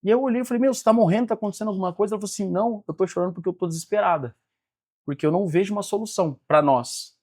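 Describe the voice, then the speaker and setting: A high-pitched man, telling his life story in a podcast interview. He acts out every quoted line with feeling. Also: very fast. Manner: animated storyteller acting out quoted dialogue. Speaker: guest, business mentor.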